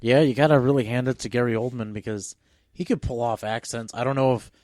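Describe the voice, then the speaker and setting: A man's voice: medium pitch, fairly even intonation, quick pace, a little mellow, no echo. Laid-back man, dry podcast sound. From Dakotas, United States. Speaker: podcast co-host. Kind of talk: casual chat.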